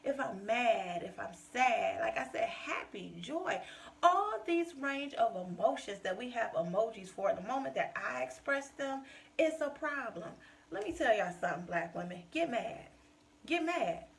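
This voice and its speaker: A woman's voice: a little high, sing-song, moderate pace, gravelly. A woman hosting her own podcast, talking straight to listeners in an emphatic, passionate way. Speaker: podcast host. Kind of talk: casual solo podcast monologue.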